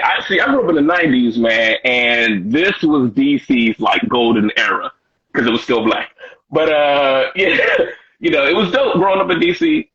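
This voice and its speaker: A husky, sharp-toned man of medium pitch, in his thirties and from Washington, D.C., is a stand-up comedian appearing as a guest in a casual interview. He tells stories in a laid-back, slangy, loose way, dropping "you know" constantly. The audio is dull and lo-fi.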